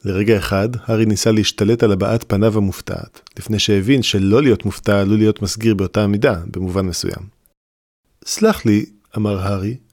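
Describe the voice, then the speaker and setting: Low-voiced man reading a story. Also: no echo, clean studio sound. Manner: steady, measured reading. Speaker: audiobook narrator. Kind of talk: scripted narration.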